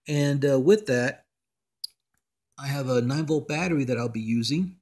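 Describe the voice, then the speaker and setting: Speaking in a mid-range voice with a darkish tone, a man demonstrates electronics as a hobbyist without a script. His explanations come in a measured, hesitant manner.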